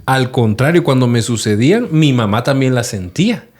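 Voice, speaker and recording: A man hosting a podcast, speaking in a relaxed, reflective, casual way. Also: mid-range voice, moderate pace. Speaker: podcast host. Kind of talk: casual chat.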